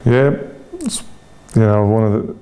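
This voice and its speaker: A forties-aged man from Ireland, interviewed as a guest, opens up in a reflective way, his speech broken by frequent pauses, fillers and restarts. The voice is on the low side, expressive and warm.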